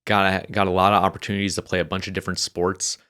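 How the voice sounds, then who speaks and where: This New Hampshire Navy veteran, a young man, talks quickly in a low voice with little pitch movement and a sharp tone. As a podcast guest he rambles through his life story, stopping and restarting with plenty of fillers in casual interview storytelling.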